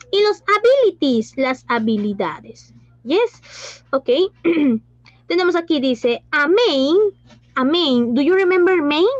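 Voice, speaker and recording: With no echo but a dull, lo-fi quality, the clip captures a high-voiced female teacher giving an online lesson. She alternates Spanish and English, asks her pupils questions, and praises them.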